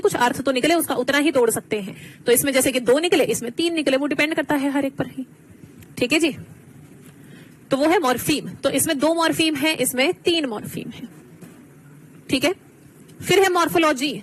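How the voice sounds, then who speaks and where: High-voiced woman teaching a class. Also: a little hiss or hum, low-quality recording. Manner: explains slowly, mixes English terms, quizzes students. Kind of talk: online exam-prep lesson.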